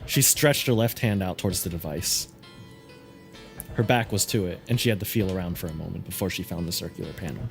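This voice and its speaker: Low-voiced man narrating a game. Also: brisk, creaky. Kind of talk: scripted narration, read aloud. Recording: music behind the voice.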